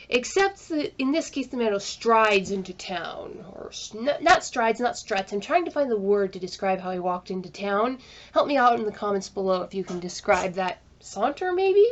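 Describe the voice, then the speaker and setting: A woman's voice: medium pitch, lo-fi sound. A woman giving a scripted but chatty TV episode review, enthusiastic, and she sometimes stops to search aloud for a word. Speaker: video essayist reviewing a TV episode. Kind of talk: scripted commentary with asides.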